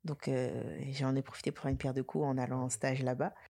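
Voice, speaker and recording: A woman in her twenties from French Guiana, a podcast guest chatting casually, hesitant with many fillers and quick to laugh and tease. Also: very deep voice, flat delivery, mellow. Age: 20s. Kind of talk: casual interview chat.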